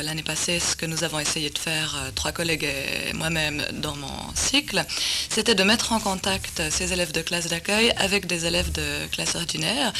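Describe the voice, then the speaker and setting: A woman's voice: lowish voice, pushed and bright, slight background noise. A woman teacher, explaining at length on a discussion panel with many hesitations. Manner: measured, explanatory, many fillers.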